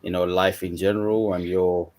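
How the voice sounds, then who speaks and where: Male panel guest, very deep voice, casual and loose delivery. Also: little pitch movement, normal speed, darkish tone. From Uganda, then UK. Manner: casual, repeats "you know". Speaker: coach and mentor, panel guest. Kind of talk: online panel discussion. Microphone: video call.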